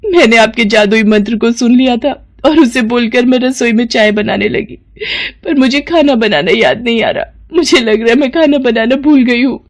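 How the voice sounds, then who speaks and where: A woman voicing a nosy young sister-in-law in a cartoon story, with a high, excitable, whiny delivery. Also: normal speed, close to an everyday voice. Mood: tearful.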